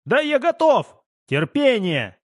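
A man's voice: high voice, huge pitch swings, unhurried, voice pushed up, full character voice. A man voicing a tense American pilot who talks in a strained, panicky way.

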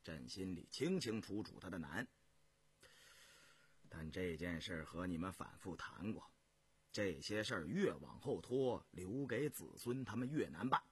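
A man's voice: low voice, expressive, unhurried, breathy edge, pitched below the performer's own voice, full character voice. A man voicing a stern, resolute emperor who speaks firmly and imperiously, in a told historical tale. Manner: firm and imperious.

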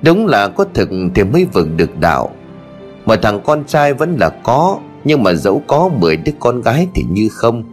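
A man's voice: fairly low pitch, very animated, normal speed. A man narrating a comic folk tale in a colloquial, earthy and mocking way. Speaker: storyteller. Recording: faint music underneath.

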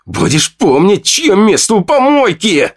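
A man voicing a vicious teenage boy bully with a hoarse, spitting snarl. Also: fairly high pitch, big pitch swings, measured pace, fairly bright tone, voice pushed up, heavily acted. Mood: snarling, taunting.

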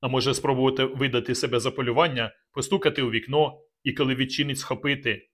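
A man doing a grim, steady nobleman. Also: medium pitch, fast talker, close to an everyday voice. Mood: plotting.

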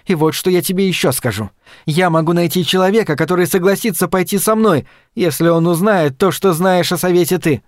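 A man's voice: high-pitched, fairly quick, no echo, voice pushed up, close to an everyday voice. A man reading an audiobook, voicing a defiant young woman who is close to tears.

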